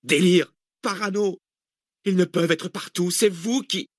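A man voicing a frantic woman researcher, breaking into shrill, panicky outbursts in a thriller audiobook. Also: takes it slowly, fairly bright tone, dry recording, studio quality, exaggerated voice. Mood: panicked. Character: frantic young woman researcher in a car chase.

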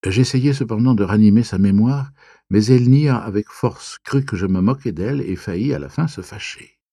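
A man narrating a classic story in an audiobook reading, measured and even. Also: on the low side, no echo, clean studio sound.

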